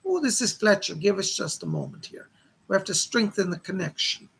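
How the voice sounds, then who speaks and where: A man working as a seance medium, voicing a chatty, cultured gentleman spirit guide who reminisces politely in a creaky, bright-edged voice. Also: high voice, wildly swooping pitch, brisk, heavily acted. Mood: genial, musing.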